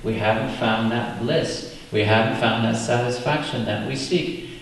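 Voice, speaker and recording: A man teaches yoga philosophy at a retreat in an easy, conversational way, often checking in with his audience. His mid-pitched voice is picked up from far off. It rings with long reverb in a big hall over a faint hiss. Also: measured pace.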